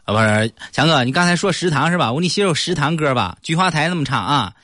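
Lively man telling jokes. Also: on the high side, fast talker, over music. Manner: lively, playful storytelling. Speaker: joke teller. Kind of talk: casual joke telling.

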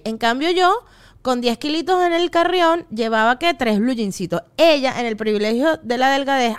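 A woman's voice: on the high side, a bit bright, clean tone. A young woman with a Venezuelan accent hosting a podcast as a casual monologue, chatty and joking, full of slang asides. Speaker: podcast host.

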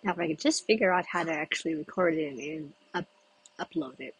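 An American podcast host with a very husky, mid-range, slightly bright voice rambles through a solo chat outdoors, recorded at low quality. He's in a breezy spot with passers-by, chatty and meandering, thinking aloud with pauses.

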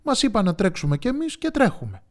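Brief: man doing nervous, high-voiced deer, calling in alarm. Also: huge pitch swings. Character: herd of startled deer.

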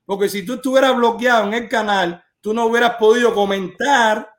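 Insistent high-voiced man. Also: fairly even intonation, brisk. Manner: insistent, argumentative, lecturing. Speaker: host of a live stream. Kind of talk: live stream debate with a caller.

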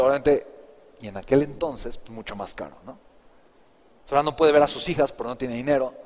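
A man's voice: medium pitch, a little mellow, in a large hall. A man telling his own story as a business mentor, often checking in with the listener through short tag questions. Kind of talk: motivational personal storytelling.

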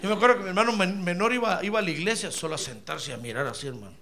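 A man preaching an animated sermon, often calling the listener brother. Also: sits high, very fast, gravelly. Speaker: pastor.

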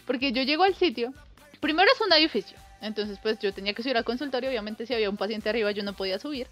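A woman's voice: a little high, expressive, racing, a bit bright, faint music behind. A young woman telling a casual anecdote, acting out the voices she quotes and laughing often. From Colombia. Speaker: storyteller.

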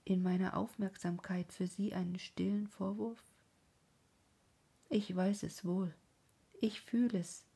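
Woman, audiobook narrator of a classic: dark, mellow tone, soft and half-whispered, earnest, dramatic phrasing. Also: mid-range voice. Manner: soft, often sinks into a breathy whisper. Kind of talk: literary reading of a classic novel.

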